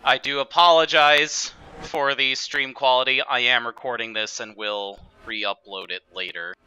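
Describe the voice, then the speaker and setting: A man calling a simulated stock car race as stream host, chatty and relaxed with joking asides. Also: medium pitch, measured pace, highs cut off. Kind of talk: casual sim racing play-by-play.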